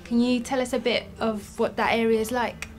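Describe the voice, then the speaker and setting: Higher-voiced woman interviewer over music. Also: level tone, a little fast. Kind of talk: scripted intro and interview questions.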